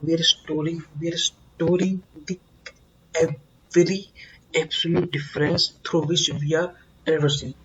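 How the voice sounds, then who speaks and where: Man slowly explaining a coding lesson. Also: a little high, level tone, fairly bright tone, highs cut off, slight background noise. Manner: slow, repetitive, emphatic explaining with many fillers. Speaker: programming tutor.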